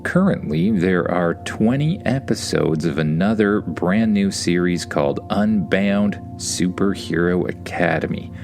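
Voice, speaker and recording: A man's voice: low voice, lively intonation, measured pace, creaky, few pauses, a little mellow, faint music behind. A man who hosts a story podcast, introducing and narrating for young listeners.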